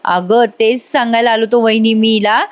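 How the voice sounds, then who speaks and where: A woman's voice: a little high, flat delivery, moderate pace, natural voice. A woman reading out the lines of a nervous, scheming middle-aged man in a TV serial recap.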